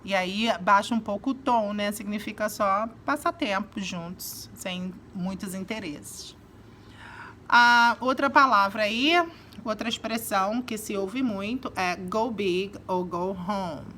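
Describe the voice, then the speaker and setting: A woman from Brazil teaching English in a casual video lesson. She explains slowly and acts out example phrases. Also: mid-range voice, bright, forceful tone, a little hiss or hum.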